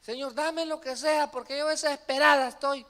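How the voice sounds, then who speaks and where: A man's voice: very high voice, fairly even intonation, normal speed, pushed and bright, voice pushed up, exaggerated voice. Man doing a pleading, desperate churchwoman. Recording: reverberant church hall.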